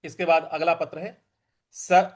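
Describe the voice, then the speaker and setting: A man teaching a recitation lesson, repeating each word slowly and drawing out syllables as he chants verses. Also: fairly high pitch, little pitch movement. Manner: slow, careful, drawn-out syllables in chanted verse; repeats words for practice.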